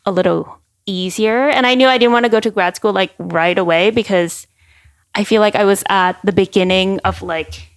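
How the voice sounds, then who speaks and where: Chatty young woman telling stories. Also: mid-range voice. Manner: chatty storyteller, quick acted quotes, lots of "like". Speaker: podcast guest. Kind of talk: casual chat.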